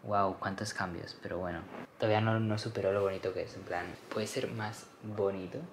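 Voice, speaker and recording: A man's voice: fairly low pitch, slight background noise. A young man, vlogging casually to camera, chatty and self-mocking, dropping in English phrases. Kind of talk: casual vlog chat to camera. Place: at home. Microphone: compact camera mic.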